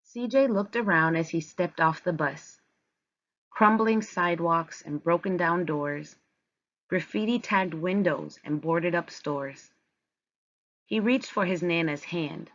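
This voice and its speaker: Low-voiced woman reading a storybook slowly. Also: dull audio. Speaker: storybook reader. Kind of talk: scripted children's read-aloud narration.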